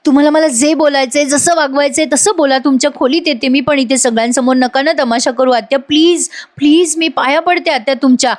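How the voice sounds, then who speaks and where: A woman's voice: sits high, fairly even intonation, a little fast, few pauses, voice pushed up, natural voice. A woman playing a meek, pleading young wife. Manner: pleading, soft.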